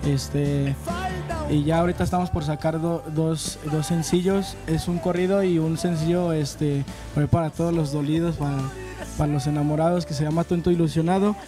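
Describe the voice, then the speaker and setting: A nineteen-year-old Mexican man from a band, answering studio interview questions into a handheld mic in a relaxed, halting way. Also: fairly high pitch, over music. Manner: relaxed, halting, many fillers. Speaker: band member, guest.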